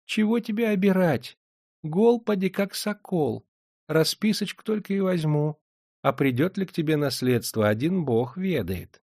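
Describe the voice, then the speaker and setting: A man's voice: on the high side, animated, measured pace, darkish tone, no room sound, clean studio sound, voice pushed up. Man putting on a sugary old moneylender woman. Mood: sugary, wheedling. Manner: honeyed, wheedling.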